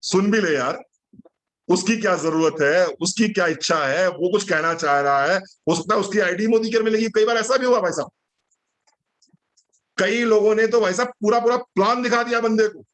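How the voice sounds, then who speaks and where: Animated high-voiced man coaching salespeople. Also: normal speed. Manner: animated, mimics people, teasing. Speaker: network marketing trainer. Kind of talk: motivational lesson.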